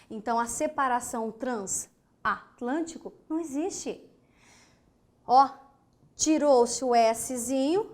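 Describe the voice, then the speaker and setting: A Brazilian woman with a fairly high, slightly mellow voice runs an online grammar lesson. Slow and emphatic, she spells out words syllable by syllable and puts rhetorical questions to the students, speaking with a Brazilian Portuguese accent.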